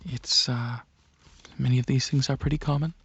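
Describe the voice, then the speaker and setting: A muffled recording captures a man of medium pitch acting out a soft ASMR scene as a composed alien dragon examiner. His breathy delivery slides into whispering, and his clinical questions come haltingly, with pauses.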